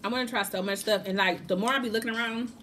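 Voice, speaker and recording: Bright-voiced woman chatting during a mukbang. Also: a little high, very fast. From Ohio, US. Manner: relaxed, laughs often, chats while eating. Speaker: food vlogger host. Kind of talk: casual mukbang chat.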